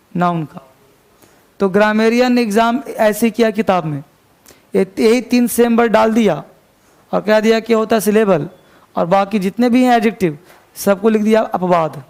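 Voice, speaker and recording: High gravelly-voiced male grammar teacher. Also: darkish tone. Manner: repeats definitions slowly for dictation; asks students rhetorical check questions. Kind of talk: classroom lecture.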